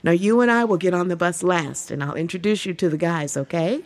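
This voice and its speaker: A woman voicing a calm older bandleader who speaks slowly and plainly. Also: high-pitched.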